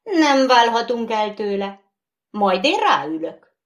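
A storybook bogeyman who speaks down to everyone in a lofty, matter-of-fact way, as a woman puts him on. The voice stays a little above the reader's own and somewhat louder, with a lively lilt. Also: on the high side, voice pushed up. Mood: condescending. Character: gallant, condescending male bogeyman.

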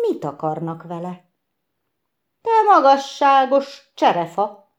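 A woman reading a children's fairy tale aloud in an expressive, gentle storytelling manner. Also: on the low side. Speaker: narrator.

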